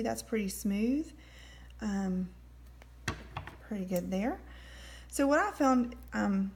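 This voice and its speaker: Her medium-pitched voice has a darkish tone as she demonstrates nail products in a relaxed manicure tutorial. She explains each step in a friendly way, her instructions full of frequent ums.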